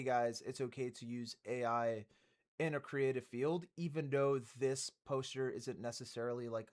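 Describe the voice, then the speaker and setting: A man giving casual, rambling reaction commentary on music news as a streamer, swearing and laughing often. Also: mid-range voice.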